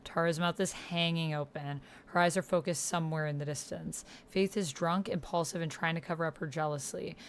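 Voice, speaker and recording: Typing and reading out an online roleplay chat, this YouTuber thinks aloud in casual commentary while playing a text-based game. She has a deep, clean voice with a steady tone, speaking fairly quickly with hardly any pauses. There is noticeable background noise from her computer keyboard.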